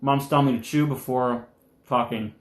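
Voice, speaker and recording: A young man hosting a casual live stream, rambling and animated, sometimes talking with his mouth full. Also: medium pitch, normal speed, roomy sound.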